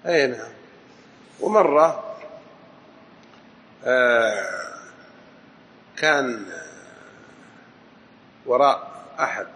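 A man teaching a religious lesson to students, telling stories with lively asides. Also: medium pitch, slight background noise, rough recording. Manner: animated storytelling with asides. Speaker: Islamic teacher. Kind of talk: lecture to students.

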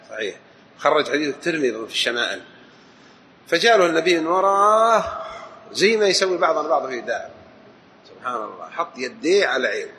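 A man teaching a religious lesson to students, telling stories with lively asides. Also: medium pitch, a little hiss or hum, rough recording. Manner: animated storytelling with asides. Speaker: Islamic teacher. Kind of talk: lecture to students.

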